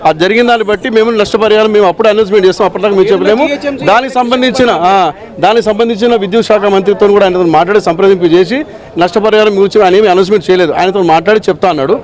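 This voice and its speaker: A man's voice: high voice, very fast. A local man speaking in a street interview, angry and pleading. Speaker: local resident.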